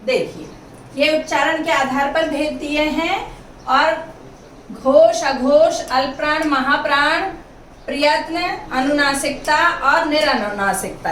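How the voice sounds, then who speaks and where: A woman's voice: high voice, fairly bright tone. A woman teaching a Hindi grammar lesson, patiently spelling out each letter one at a time. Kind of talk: grammar lesson explaining consonants. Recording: echoey room, mic at a distance, faint hiss.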